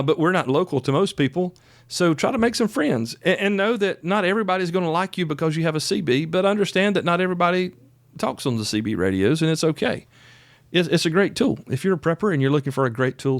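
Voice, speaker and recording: A podcast host gives casual instructional talk in a folksy, plainspoken, conversational style. His voice is fairly high, and the recording has no echo.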